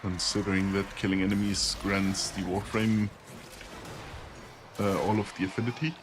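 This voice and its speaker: A young man streaming a game, rambling casually with lots of pauses and fillers. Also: sits low, level tone, noisy background. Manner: rambling, soft-spoken, with many pauses and fillers. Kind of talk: casual streaming chat while gaming.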